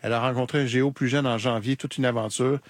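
A man's voice: mid-range voice, fairly even intonation, fast talker, dry recording. A man with a Québécois accent hosting a morning radio show, chatty as he reads out listener messages. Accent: Québécois French. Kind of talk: casual radio chat. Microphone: studio mic.

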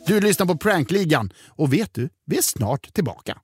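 A man hosting a radio prank show, playful and quick, often tripping over restarts. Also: fairly high pitch, big pitch swings.

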